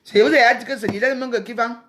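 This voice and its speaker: There's background noise behind this fast-talking woman, whose voice runs on the high side. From Cameroon, she goes on a heated livestream rant, taunting and scolding her rivals and often repeating herself.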